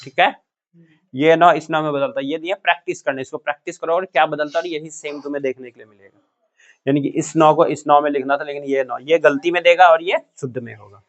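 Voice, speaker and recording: A man teaching a classroom lesson, slightly high-voiced, who keeps asking his students questions and repeating their answers back. The recording is dull and muffled, like a cheap classroom capture. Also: fairly even intonation, fairly quick.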